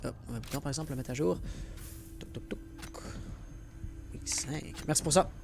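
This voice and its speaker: A young man casting an esports match with play-by-play commentary, excitable and rising sharply at big plays. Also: mid-range voice, normal speed, creaky, over music. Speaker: esports caster.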